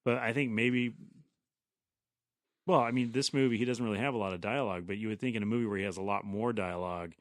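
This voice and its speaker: A man co-hosts a casual film podcast, chatty and opinionated, and now and then turns to the listeners. His voice is on the low side. The sound is dry and close to the mic. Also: fast, dry recording. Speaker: podcast co-host. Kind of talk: casual chat about films.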